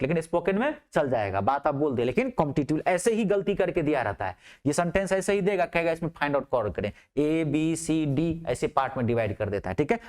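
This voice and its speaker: A man with an Indian accent teaching English grammar, asking questions and answering them himself, and reading example sentences out slowly. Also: on the high side. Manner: lively, asks questions and answers them himself, drills words. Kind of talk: classroom lecture.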